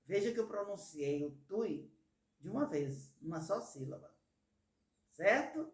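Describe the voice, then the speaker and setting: A woman's voice: on the low side, lively intonation, measured pace, reverberant. A woman teaching language in a video, patiently drawing out example words syllable by syllable. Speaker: Portuguese teacher. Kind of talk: slow, careful teaching video.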